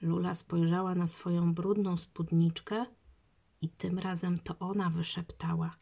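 Slow gravelly woman reading a children's story. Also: lowish voice, level tone, dark tone. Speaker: narrator.

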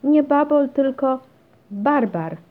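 A stubborn, cheeky little girl from a storybook, whiny and insistent, her voice pitched well up as a woman reads her part. Her delivery is slow and gravelly at the edges. The recording sounds dull and lo-fi. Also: animated. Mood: pleading.

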